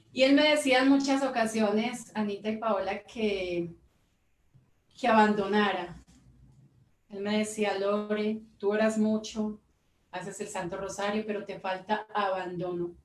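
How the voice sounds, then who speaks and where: A woman's voice: medium pitch, reverberant, far from the mic, a little hiss or hum, rough recording. A mother giving an emotional personal testimony, telling her story earnestly and acting out the dialogue she quotes.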